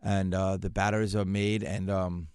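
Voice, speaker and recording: Food truck owner, middle-aged male, Long Island accent, lowish pitch, casual guest delivery, dry sound. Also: level tone, unhurried, darkish tone, clean tone, dry recording. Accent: Long Island, New York. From Long Island, New York. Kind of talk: casual interview answers.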